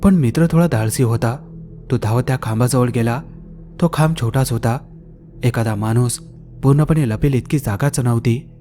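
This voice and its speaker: Brief: male storyteller, scripted horror narration, steady and measured, warm dark tone, faint music behind. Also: mid-range voice.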